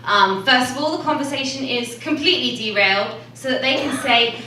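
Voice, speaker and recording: A woman's voice: high-pitched, a little fast, pushed and bright. Dry British woman doing stand-up. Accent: British English. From England. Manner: dry, self-deprecating delivery. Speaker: stand-up comedian. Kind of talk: stand-up routine. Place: small improv theater stage. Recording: echoey, distant, noisy room recording.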